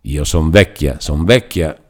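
A man's voice: rumbling low, takes it slowly. A man reading aloud and voicing a grumbling, resentful old woman who scolds and coaxes a frightened girl.

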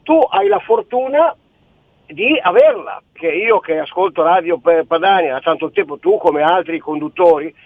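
Heard over a tinny, dry telephone line, this caller to a radio talk show phones in from outside the studio and pushes his argument in a rambling, insistent manner. His voice sits on the high side, with lively intonation and an ordinary pace.

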